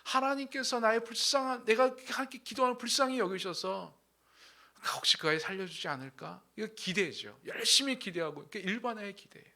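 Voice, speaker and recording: A man's voice: high voice, fairly quick. A male pastor preaching a sermon, asking the congregation questions and acting out quotes. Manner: animated preaching with acted quotes and rhetorical questions.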